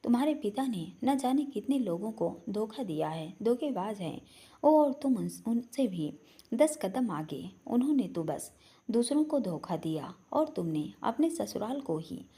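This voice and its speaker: A woman's voice: mid-range voice, sing-song, a little slow, dark tone. A woman voicing a spiteful young woman who taunts her sister-in-law with scorn. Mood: taunting.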